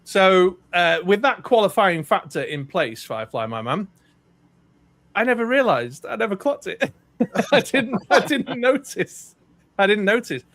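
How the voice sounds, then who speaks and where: Another casual podcast ramble comes from the middle-aged North Wales co-host, full of ums and false starts in his British accent. Here he sounds high and a bit bright, very animated yet unhurried, in a room without echo.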